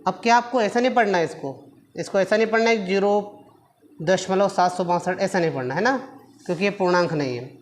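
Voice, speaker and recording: A man's voice: high-pitched, a little fast, a little hiss or hum. A man teaching a maths class at a board, patiently asking his pupils rhetorical questions and answering them himself, calling them affectionately children. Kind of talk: classroom lesson explaining at a board.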